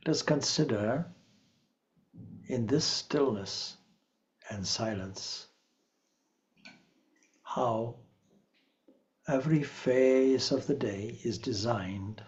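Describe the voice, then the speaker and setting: A man speaking as a spiritual teacher leads a guided meditation, calm and measured, with long pauses. His voice sits in the mid-range, and the sound is lo-fi.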